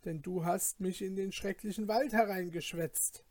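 A man's voice: high voice, steady tone, normal speed, no echo, lightly acted. A man voicing an anxious young male goldsmith apprentice, fearful and pleading in a read-aloud fairy tale.

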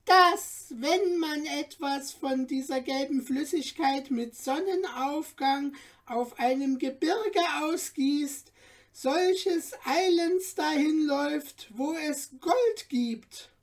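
A woman voicing a tiny, courteous and excitable male dwarf guide in a storybook reading, speaking in an ornate, eager way. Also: takes it slowly. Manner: ornate, polite, squeaky and eager.

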